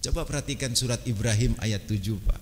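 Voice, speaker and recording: A man's voice: medium pitch, fairly quick, in a large hall, slight background noise. A man with a Javanese accent giving a conversational mosque sermon, often addressing listeners as "Pak" and chanting verses. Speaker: preacher.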